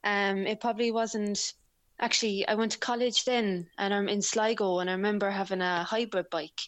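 A woman's voice: medium pitch, steady tone, moderate pace, no room sound. A woman from County Leitrim with a west of Ireland accent, chatting and telling anecdotes casually as an interview guest. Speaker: interview guest, amateur cyclist. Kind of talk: casual conversational storytelling.

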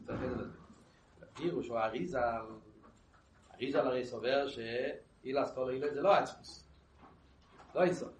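A man's voice: mid-range voice, far from the mic, a little hiss or hum. Man teaching text in an echoey room. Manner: halting, repeats words and restarts, asks and answers rhetorical questions. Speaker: Torah teacher.

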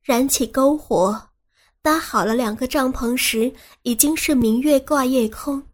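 A woman narrating a serialized audiobook in a steady, smooth storytelling manner. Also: sits high, unhurried.

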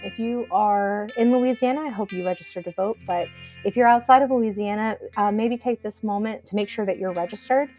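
A woman's voice: mid-range voice, a little fast, music in the background. A woman co-hosting a podcast, reading announcements in a friendly, chatty way. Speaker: podcast co-host.

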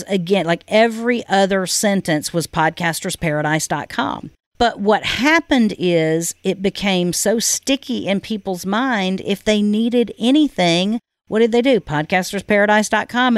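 A woman's voice: on the low side, dry recording. Woman, solo podcast host, direct and emphatic coaching tone, dry close-miked sound. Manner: direct, emphatic, pushes listeners with repeated points.

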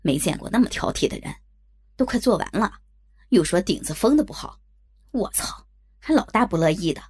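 A woman's voice: mid-range voice, animated, moderate pace, darkish tone, husky. A woman voicing a grumbling young male worker in an audio story, complaining crudely.

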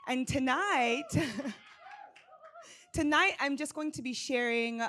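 A young adult woman from Jamaica, a church elder, sharing her testimony in a relaxed, conversational way with frequent fillers. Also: high voice, slow pace. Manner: conversational, rocking back and forth, frequent fillers. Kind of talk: sermon testimony. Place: church service.

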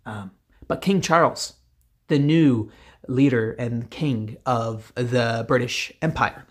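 Solo podcast host, male, mid-pitched voice, rambling and casual. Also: takes it slowly. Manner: rambling, frequent filler words and restarts. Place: Canada.

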